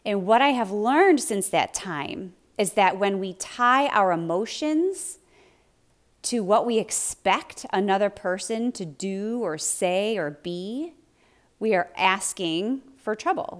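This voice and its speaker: A woman's voice: mid-range voice, lively intonation, measured pace. A middle-aged woman hosting a talk about marriage, candidly telling a personal story with laughs along the way. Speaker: podcast host on marriage.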